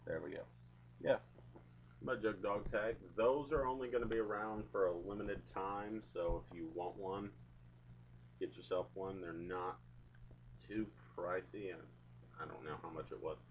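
A young man with a low voice rambles casually to his camera, taking his time between phrases. He talks in laid-back slang, like a home video blogger. The webcam sound is dull, with some hum behind him. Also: unhurried, pauses often. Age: young adult. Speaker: video blogger reviewing products. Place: small indoor room at home. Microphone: webcam or laptop mic at arm's length.

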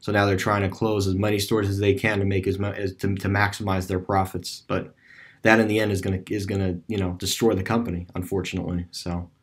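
A man's voice: low-pitched, little pitch movement, fast. A man giving rambling, casual voice-over commentary on a screen-recorded map tour, with many fillers and restarts. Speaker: video creator touring a closed store on street view.

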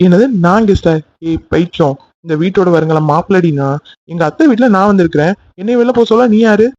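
A man's voice: sits high, fast, a little mellow, no room sound, muffled recording, natural voice. A man voicing a young man in a cartoon love story, pleading insistently with his angry girlfriend. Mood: arguing. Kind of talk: cartoon voice acting.

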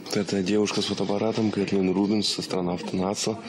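A man's voice: fairly low pitch, level tone, fast talker. A man in his twenties reporting informally on location, guiding viewers along as a TV news correspondent. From Yaroslavl, Russia. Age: 20s. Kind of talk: on-location video report to camera. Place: inside a control centre hall and corridors. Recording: noisy room ambience.

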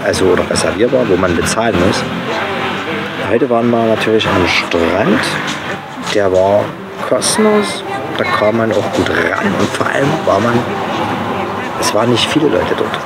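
A man's voice: on the low side, moderate pace, heavy background noise. Chatty man vlogging outdoors. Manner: chatty, relaxed, with fillers. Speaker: travel vlogger. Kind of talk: casual travel vlog. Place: outdoors by a pickup truck at evening.

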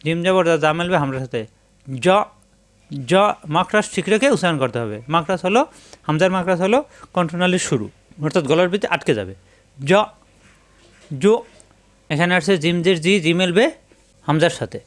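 A man's voice: fairly high pitch, expressive, fast talker. A man with a Bangladeshi Bengali accent teaching Quran reading step by step, patiently repeating each syllable and rule. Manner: patient, repetitive drilling of syllables.

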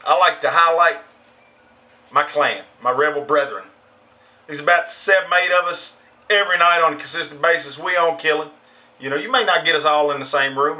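Bright-voiced man on a heated rant. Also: fairly high pitch. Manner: profane, heated ranting. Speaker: gaming vlogger. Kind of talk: ranting casual vlog. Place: at home.

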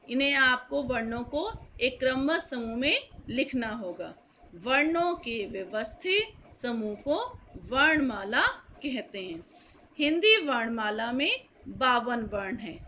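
Female teacher, slow careful explanation, faint background noise. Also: sits high, pushed and bright. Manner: slow, careful, repeats key points. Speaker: Hindi grammar teacher. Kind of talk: classroom lesson.

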